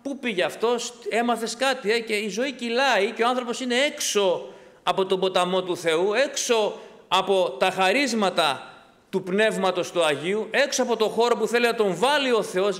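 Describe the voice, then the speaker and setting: A man's voice: high voice, fairly bright tone. A male pastor delivering an impassioned sermon, asking rhetorical questions and answering them himself. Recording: long hall reverb.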